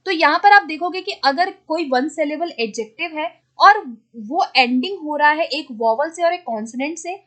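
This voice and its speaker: A woman teacher giving an exam-prep grammar lesson, asking questions and then answering them, checking in often, and spelling out example words slowly. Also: high voice, fairly bright tone.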